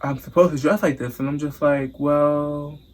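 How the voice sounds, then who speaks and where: A man's voice: on the high side, steady tone, normal speed. A young man from the United States telling a casual, profane storytime vlog, acting out the voices of the people he quotes. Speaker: vlogger.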